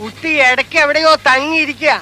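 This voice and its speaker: An anxious household helper. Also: male voice, very high voice, steady tone, fast talker, heavily acted. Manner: anxious, deferential, addresses others as sir. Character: worried male household helper, fretful and respectful. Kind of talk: 1990s film drama. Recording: film soundtrack with loud background noise.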